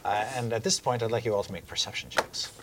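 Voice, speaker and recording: A man from Canada narrating a tabletop game as game master, relaxed and halting. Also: lowish voice, background noise.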